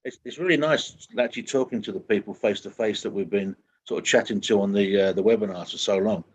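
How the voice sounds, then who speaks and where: A man co-hosting a webinar, friendly and brisk, introducing callers. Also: fairly low pitch, slightly rough. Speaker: webinar co-host. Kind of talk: casual moderating.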